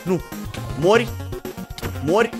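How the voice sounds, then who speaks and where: A young man giving excited gameplay commentary, talking straight to viewers and swinging from hushed murmurs to sudden yelps. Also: sits high. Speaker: gaming YouTuber. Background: game music.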